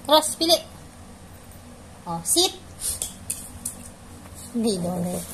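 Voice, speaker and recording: A woman's voice: fairly high pitch, big pitch swings, takes it slowly, fairly bright tone, a little hiss or hum. A woman playfully teasing her pet dog, repeating short commands and questions in a coaxing way. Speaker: pet owner.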